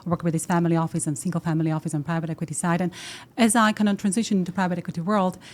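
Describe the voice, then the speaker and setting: Fast-talking woman guest. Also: lowish voice, little pitch movement. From Slovakia. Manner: fluent but non-native phrasing, frequent fillers and restarts. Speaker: finance professional guest. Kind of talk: conversational interview answers.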